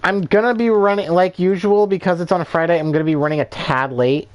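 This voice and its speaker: Man, slightly high voice, ranting and exasperated, casual stream chat. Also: fairly even intonation, fast, dull audio. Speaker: gaming streamer. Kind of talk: casual chat while playing.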